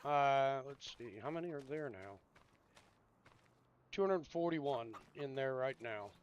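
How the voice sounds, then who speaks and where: A man giving casual gameplay commentary, rambling and thinking out loud in a laid-back, drowsy way. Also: medium pitch, expressive, unhurried, muffled recording.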